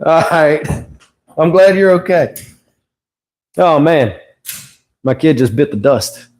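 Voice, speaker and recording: A man's voice: fairly high pitch, animated, takes it slowly, darkish tone. A middle-aged man hosting a casual livestream, rambling as he teaches and often correcting himself with a chuckle. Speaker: host of an aquarium livestream.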